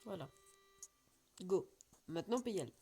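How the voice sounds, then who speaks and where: A woman's voice: lowish voice, animated, normal speed, creaky, mellow, faint music behind. Chatty woman rambling over a game. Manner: chatty, rambling with many fillers and restarts. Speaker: gaming YouTuber. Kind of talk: casual gameplay commentary.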